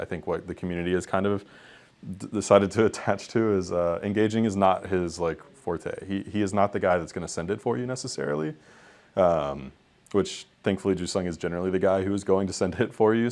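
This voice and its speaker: A man's voice: sits low, a little mellow. A young man, an esports head coach, talking candidly in a post-match interview, full of ums and likes.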